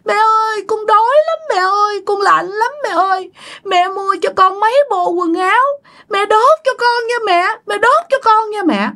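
A woman voicing the ghost of a drowned little boy, cold and hungry, pleading with his mother in a high wailing child's voice. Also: normal speed, pushed and bright, full character voice.

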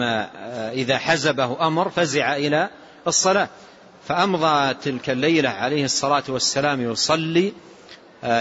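A male scholar giving a lesson on a classical text, explaining phrase by phrase, repeating himself and pausing with drawn-out fillers. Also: fairly high pitch, fairly bright tone, husky. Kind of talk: lesson commentary. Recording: dull lo-fi recording with faint hiss.

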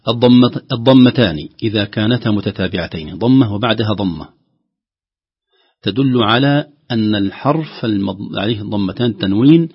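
A man teaching Quran recitation rules on a call-in lesson, explaining patiently with drawn-out filler pauses and slowly voicing words aloud to show how they sound. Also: fairly low pitch, husky. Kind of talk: tajweed lesson on a call-in broadcast. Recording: dull lo-fi broadcast audio.

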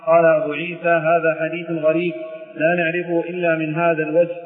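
A man reading classical religious texts aloud in a measured chant, for a teacher to explain. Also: fairly high pitch, completely flat delivery, slight background noise. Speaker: student reading hadith aloud. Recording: echoey hall on a tinny lo-fi recording.

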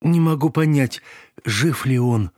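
A man's voice: medium pitch, a little slow, a little mellow, no echo, studio quality, voice pushed up, natural voice. A man voicing an anxious young hero who speaks urgently in an audiobook. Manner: urgent, rattled. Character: anxious young male first-person hero. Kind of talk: audiobook character voice.

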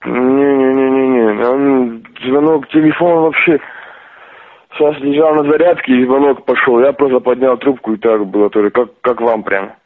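A man of mid pitch talking over a thin, tinny phone line. He sounds puzzled and explains himself at length, then hits back with harsh swearing. The line sounds narrow and lo-fi. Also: steady tone, normal speed. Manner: confused, then cursing back angrily. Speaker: call recipient. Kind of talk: phone conversation.

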